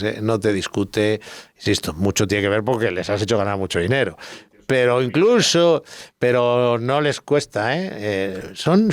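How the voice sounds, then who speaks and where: Man, middle-aged, expert guest, explanatory and anecdotal, mid pitch, dry sound. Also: no room sound. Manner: explanatory, anecdotal, thinks aloud. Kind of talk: casual podcast conversation.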